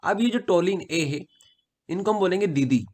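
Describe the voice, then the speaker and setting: A man's voice: high voice, lively intonation, moderate pace, darkish tone. A man from Madhya Pradesh teaching chemistry in a casual exam-prep lesson, repeating key points and asking and answering his own questions. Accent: Hindi-speaking Madhya Pradesh.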